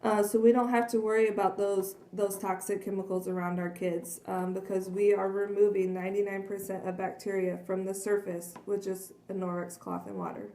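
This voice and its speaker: Hoarse woman in an echoey kitchen. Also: medium pitch, brisk, hardly any pauses, mellow, slight background noise. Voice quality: frequent throat clearing and coughs. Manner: chatty, earnest, many fillers. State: hoarse, losing her voice. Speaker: product demonstrator. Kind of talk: casual product demonstration. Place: kitchen at home. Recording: echoey room.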